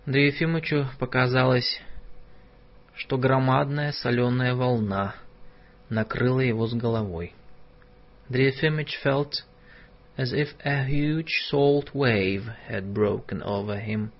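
A man reading a story aloud in two languages, in a measured, plain way. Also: mid-range voice. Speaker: audiobook narrator. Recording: dull lo-fi audiobook recording.

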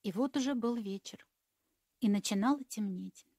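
A woman's voice: medium pitch, dry recording, clean studio sound. Woman narrating a classic tale. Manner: measured, expressive storytelling. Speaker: audiobook narrator. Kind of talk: literary audiobook narration.

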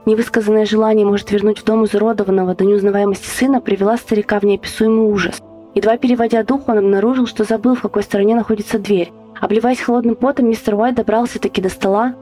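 Measured female narrator for a spooky tale, soft music underneath. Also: medium pitch. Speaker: podcast host. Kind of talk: scripted horror story narration.

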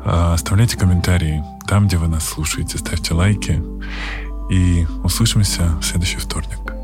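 A man with a very low voice hosts a casual podcast interview. Faint music plays behind him. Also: fairly even intonation, moderate pace. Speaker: podcast host.

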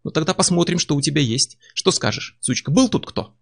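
Жестокий насмешливый варвар-воин, которого озвучивает чтец-мужчина, с хрипловатым скрипучим голосом. Говорит с издёвкой, глумливо и злобно, как в мрачной аудиокниге. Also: male voice, medium pitch, a little fast, vocal fry, breathy edge. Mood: sneering. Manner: sneering, taunting, cruel. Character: brutal mocking male barbarian warrior.

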